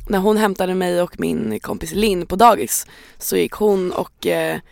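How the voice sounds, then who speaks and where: A woman, casually telling a lively childhood anecdote as a podcast co-host. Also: on the low side, gravelly, dry recording, studio quality. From Stockholm. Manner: lively anecdotal, acts out quotes, swears casually. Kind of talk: casual chat, storytelling.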